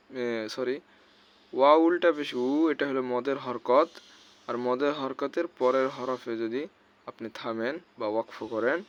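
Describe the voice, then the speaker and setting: A male teacher explains Quran reading rules patiently and step by step, often pausing to ask whether it is clear, and draws out the recited sounds slowly. His voice sits in a middle range, and the recording sounds slightly muffled and lo-fi. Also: medium pitch. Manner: explains step by step, often checks with "ঠিক আছে?". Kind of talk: explanatory lesson.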